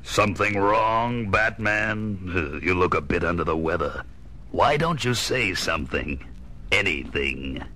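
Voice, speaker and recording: An actor playing a menacing, pompous super-intelligent gorilla villain in a children's audio comic, taunting and deliberate. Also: male voice, low voice, lively intonation, bright, forceful tone, full character voice. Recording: music bed, 1970s record.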